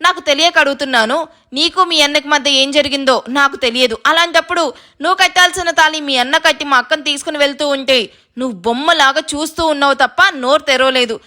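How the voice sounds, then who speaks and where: A woman reading an audio story, voicing a fiery, sharp-tongued young woman who scolds and teases. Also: sits high. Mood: angry. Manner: scolding, quick-tempered, playful.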